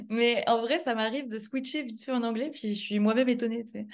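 A woman's voice: on the high side, steady tone, moderate pace, darkish tone. A woman with a French accent, chatting as a podcast guest, hesitant with frequent filler sounds and light laughs. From France. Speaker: guest, public relations adviser. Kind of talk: casual podcast conversation.

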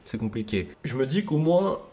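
A young man in his twenties, a guest in an interview, talking casually and hesitantly with many pauses and restarts. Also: mid-range voice, big pitch swings, warm tone.

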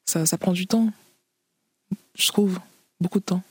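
Invitée autrice, femme, parole hésitante pleine de « euh », son sec et proche. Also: female voice, lowish voice, steady tone, measured pace, darkish tone, husky, no echo. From Paris region, France. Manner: hesitant, many fillers, frequent laughs. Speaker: author guest. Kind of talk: interview conversation.

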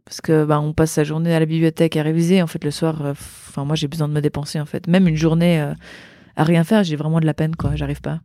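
A woman's voice: low-pitched, quick pace, dry recording, clean studio sound. Chatty woman guest, laughing easily. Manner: relaxed, chatty, many fillers and restarts, frequent laughs. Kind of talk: casual podcast interview.

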